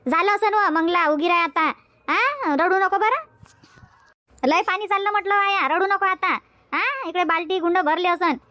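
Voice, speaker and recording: Woman as very high cartoon village aunt, Varhadi, chatty. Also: normal speed, bright, forceful tone, no echo, highs cut off. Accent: Varhadi Marathi. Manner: soothing, gossipy, repeats "हा". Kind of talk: cartoon comedy voice acting.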